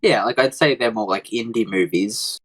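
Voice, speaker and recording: A man's voice: on the low side, moderate pace, fairly bright tone, low-quality recording. Easygoing man reading gaming news. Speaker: podcast panelist. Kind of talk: casual chat, reading news items.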